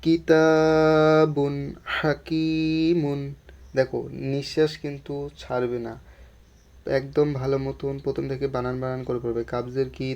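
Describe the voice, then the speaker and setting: A man teaching Quran reading step by step, explaining each rule patiently and then reciting the words slowly and drawn out. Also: medium pitch, dark tone. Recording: dull lo-fi sound.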